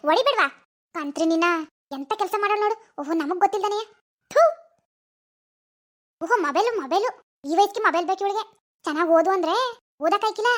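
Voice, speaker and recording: Cartoon mother, enraged, voiced by a woman, very high and shrill, rattles off insults at speed. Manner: shrill, rapid scolding with insults. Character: furious village mother scolding her teenage daughter.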